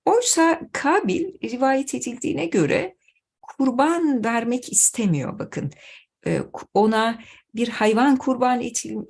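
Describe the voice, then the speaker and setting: A woman, middle-aged, giving a measured, earnest religious talk to her followers as their teacher. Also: fairly high pitch, gravelly, a little mellow, slightly rough.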